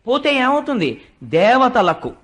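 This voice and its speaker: High-voiced man giving a devotional discourse. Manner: expressive storytelling, voicing characters in quotes and chanting verses slowly. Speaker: religious discourse speaker.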